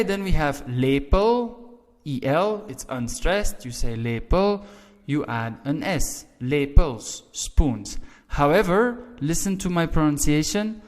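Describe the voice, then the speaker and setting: A man's voice: fairly high pitch, in a large hall. A man teaching a language lesson, explaining grammar rules patiently, repeating each example and checking in with "right?".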